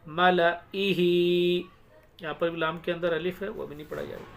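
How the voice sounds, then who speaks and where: A man teaching Quran reading step by step. He sounds out each word slowly and stretched, then explains quickly and checks with the listener. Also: fairly high pitch, steady tone, gravelly, a bit bright. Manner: asks the learner quick check questions. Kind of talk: step-by-step recitation lesson.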